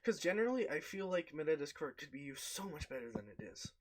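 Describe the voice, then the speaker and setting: A man's voice: a little high, very animated, quick pace. A man playing a tabletop role-play game, chatting casually and rambling through his moves with in-character asides. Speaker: player.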